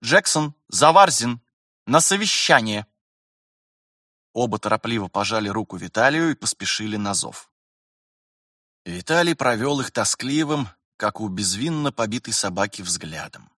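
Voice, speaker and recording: A male audiobook narrator reading in a measured, steady way. His voice sits on the low side and the recording is close and dry, with no room sound. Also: dry recording. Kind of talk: scripted narration.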